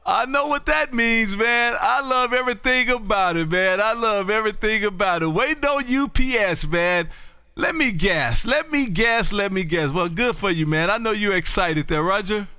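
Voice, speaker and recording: Man from Texas, high gravelly voice, folksy exclamatory ham radio host, repeats phrases, dry close sound. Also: lively intonation, moderate pace, pushed and bright, no echo. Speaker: amateur radio operator and livestream host. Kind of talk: animated on-air ham radio chat.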